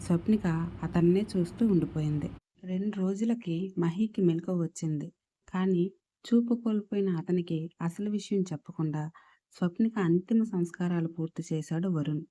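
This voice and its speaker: A woman storyteller narrating an audio story in a steady, even reading. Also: fairly low pitch, moderate pace, no room sound.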